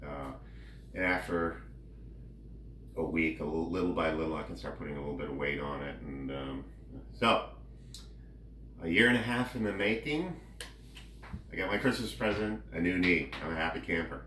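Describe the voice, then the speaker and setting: A man giving a casual personal update in a halting, rambling way with drawn-out pauses. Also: low voice, lively intonation, a bit bright. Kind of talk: casual chat. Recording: roomy, distant mic, faint background noise.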